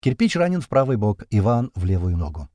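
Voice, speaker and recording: An audiobook narrator reads a first-person battle story in rough, slangy prose, his warm, slightly husky voice moving a lot in pitch with a sing-song quality. He tells the fast-moving action with slang and swearing, in a close, dry recording.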